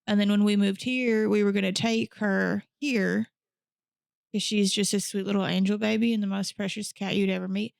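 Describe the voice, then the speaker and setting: Creaky-voiced woman telling a true crime story. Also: medium pitch, fairly even intonation, moderate pace, no echo. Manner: chatty, with blunt profane asides. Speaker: podcast host.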